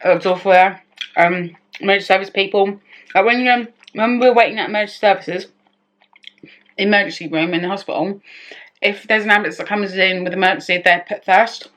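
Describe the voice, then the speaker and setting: A woman's voice: medium pitch, a little fast, fairly bright tone. A woman vlogger telling a personal story in casual, chatty speech, rambling and often breaking off to restart her sentences. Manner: rambling, self-interrupting. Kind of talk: casual story-time chat.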